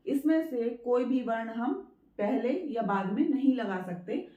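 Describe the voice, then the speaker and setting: A woman teaching a spoken writing lesson, patiently repeating her points, checking in with listeners and sounding out words slowly syllable by syllable. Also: fairly high pitch. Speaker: Hindi teacher. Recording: echoey room, dull lo-fi sound.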